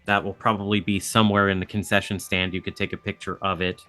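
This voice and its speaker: A man's voice: sits low, level tone, fast, sharp tone, faint music behind. A man speaking as a podcast guest, explaining things in an easygoing, casual way. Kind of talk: casual chat.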